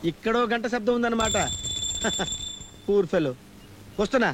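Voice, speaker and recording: Brief: very high-voiced, panicky comic busybody played by a man, melodramatic wailer, noisy film soundtrack. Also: normal speed, close to an everyday voice. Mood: sly. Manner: wailing, pleading, melodramatic. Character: excitable meddling young man, panicky and whiny. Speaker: comic lead in a film scene. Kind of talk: slapstick film comedy acting.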